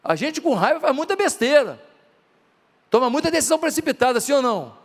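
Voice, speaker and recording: A man's voice: very high-pitched, very animated, a little fast, gravelly, big-room sound. A male pastor from Brazil preaching a sermon, asking his listeners questions and acting out dialogue. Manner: acts out quoted dialogue in softer voices; asks the congregation rhetorical questions.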